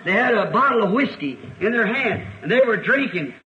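A man's voice: high voice, expressive, normal speed, bright, forceful tone. An American man preaching a sermon, telling a story earnestly and rising to fervent exclamations. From United States. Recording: dull archive recording with faint hiss.

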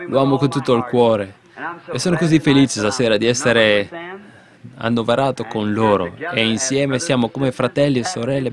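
A man preaching a fervent sermon and breaking into hymn singing. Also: medium pitch. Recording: crowd of congregation behind. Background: congregation.

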